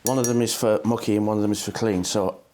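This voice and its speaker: A man giving a relaxed, chatty watercolour painting demonstration, talking loosely with plenty of ums as he paints. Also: fairly low pitch, fast talker, slight background noise. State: a bit shaky from coffee. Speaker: watercolour teacher.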